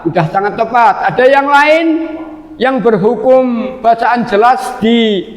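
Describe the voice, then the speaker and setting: A man's voice: very high voice, takes it slowly. A man teaching a class, patiently quizzing students and chanting verses now and then. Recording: echoey room with long reverb.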